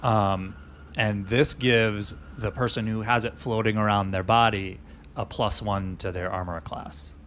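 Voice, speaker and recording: Deep-voiced man narrating a tabletop game. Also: a little slow, a little hiss or hum. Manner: relaxed, hesitant narration with many fillers. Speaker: dungeon master.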